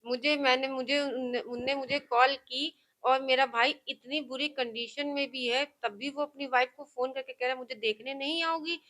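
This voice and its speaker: Woman, fairly high voice, emphatic and insistent, words tumbling out, news interview. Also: little pitch movement, normal speed, hardly any pauses, fairly bright tone. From Kanpur. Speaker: victim's sister. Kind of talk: news interview and heated argument.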